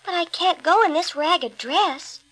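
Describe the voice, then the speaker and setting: Woman doing a meek young girl, quiet and slow and hopeful, storybook voice. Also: very high-pitched, voice pushed up, poor audio. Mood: wistful.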